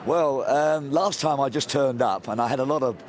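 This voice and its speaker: Excited man, voice going hoarse. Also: medium pitch, normal speed. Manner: excited, emphatic, stumbling over words. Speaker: town crier, interviewee. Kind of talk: spontaneous live interview. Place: outdoors on a busy city street among a crowd.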